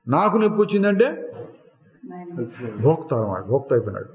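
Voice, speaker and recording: A man giving a slow, deliberate spiritual discourse, asking rhetorical questions and singing lines of verse now and then. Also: on the high side, very animated. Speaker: spiritual teacher. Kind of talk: satsang discourse. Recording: echoey hall, phone-like lo-fi sound.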